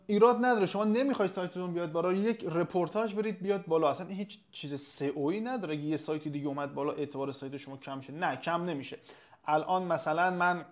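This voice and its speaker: Man with a higher voice hosting a live webinar. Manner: casual, thanks viewers by name and reads out their questions; answers off the cuff with frequent hesitations. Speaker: webinar host and SEO consultant.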